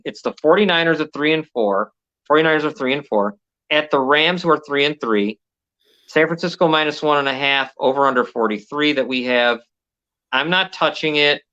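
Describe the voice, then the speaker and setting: A man's voice: mid-range voice, pushed and bright, dull audio. A man co-hosting a sports betting show, rambling through game picks in casual chat and swearing now and then. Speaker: sports betting podcast co-host.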